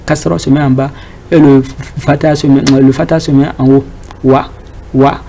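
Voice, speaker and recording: A man's voice: a little high, level tone, fairly quick, mellow, a little hiss or hum, low-quality recording. A man giving an informal Arabic reading lesson, hesitant, with many fillers, repeated words and rhetorical questions to the class. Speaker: Arabic teacher.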